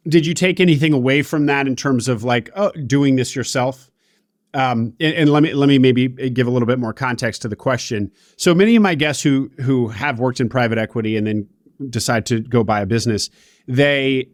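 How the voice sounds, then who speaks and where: A man's voice: medium pitch, dry recording, studio quality. A man hosting an interview podcast who asks upbeat, probing questions. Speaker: podcast host.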